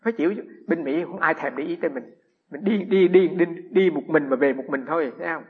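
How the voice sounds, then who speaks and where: Husky-voiced monk, fairly high, telling lively anecdotes; dull lo-fi recording. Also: male voice, fairly quick. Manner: lively anecdotes with frequent restarts. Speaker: Buddhist monk giving a dharma talk. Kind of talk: humorous storytelling sermon. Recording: echoey hall, dull lo-fi sound.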